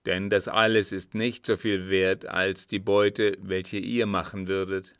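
Cunning disguised man, read by a man, emphatic, slow delivery, lowish voice. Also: little pitch movement, fairly bright tone, smooth, no room sound, clean studio sound. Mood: persuasive. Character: cunning disguised agent, man, feigning innocence. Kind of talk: audiobook reading.

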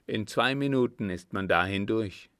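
A man's voice: fairly low pitch, moderate pace, a bit bright, dry recording, clean studio sound, natural voice. A man voicing a curt village innkeeper who answers bluntly and dismissively.

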